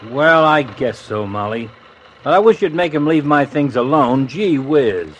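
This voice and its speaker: Pompous, grumbling radio doctor. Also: male voice, mid-range voice, lively intonation, unhurried, a bit bright, a little hiss or hum. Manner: pompous, dry insults. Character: grumbling, pompous, sparring middle-aged doctor friend. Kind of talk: 1950s radio comedy acting.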